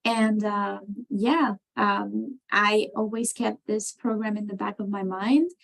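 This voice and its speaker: A woman's voice: medium pitch, fairly even intonation, slow pace, vocal fry, low-quality recording. Woman from France on a video call. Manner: thoughtful, many ums and you knows. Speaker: program participant.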